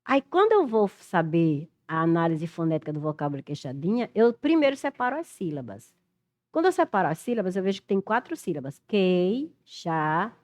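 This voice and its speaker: Middle-aged Brazilian woman, lively Portuguese teacher reasoning aloud through exam questions. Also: on the low side, brisk. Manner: animated, thinks aloud, spells letters out. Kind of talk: exam-prep lesson, working through questions.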